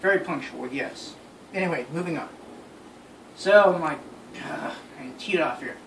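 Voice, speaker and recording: A young man's voice, on the high side and a bit bright with some vocal fry, moves a little slowly as he casually tells friends a story. He's exasperated and emphatic and keeps repeating himself. The distant phone mic across his small bedroom makes the recording roomy and noisy.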